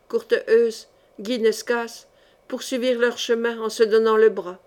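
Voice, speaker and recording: A woman narrating a historical cloak-and-sword novel in a measured, expressive audiobook reading. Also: on the high side. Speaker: audiobook reader.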